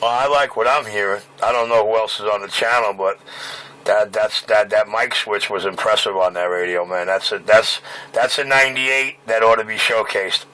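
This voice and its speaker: A man's voice: fairly low pitch, moderate pace, sharp tone, rough recording. A man chatting and calling out over a CB radio channel, his transmission off frequency, joking and rambling between calls. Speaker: CB radio operator. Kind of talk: casual CB radio banter. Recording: heavy static over CB radio.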